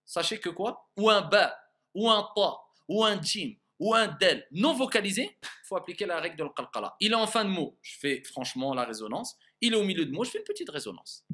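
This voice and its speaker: A man's voice: sits high, big pitch swings, a little fast, bright, forceful tone. A man teaching a Quran recitation lesson in a classroom style. He speaks patiently, demonstrates sounds aloud and checks often that his students understand.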